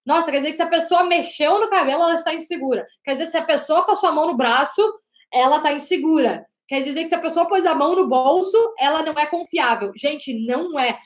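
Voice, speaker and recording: Loud high-pitched woman giving a coaching lesson, keeps saying "right?", echoey room. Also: quick pace. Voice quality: loud, projecting voice. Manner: emphatic, with frequent "né?" and "gente". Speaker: communication coach. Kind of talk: online lesson. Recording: roomy echo.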